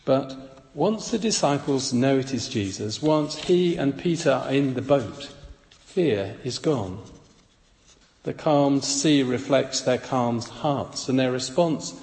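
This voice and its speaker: A man giving a devotional Bible reflection in a measured, reflective way, recorded with an echoey hall reverb. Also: mid-range voice, animated, darkish tone. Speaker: preacher.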